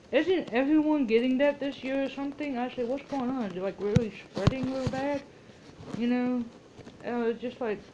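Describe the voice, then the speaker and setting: Woman chatting casually over clear background noise. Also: a little high. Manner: rambling storytelling, quoting herself and others. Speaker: vlogger making a phone call. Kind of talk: casual phone chat.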